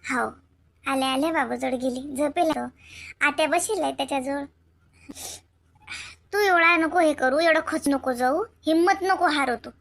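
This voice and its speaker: A woman voicing a caring adult sister in an animated comedy, chattering and fussing with a Varhadi Marathi accent. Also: high-pitched, unhurried, gravelly, long pauses, full character voice.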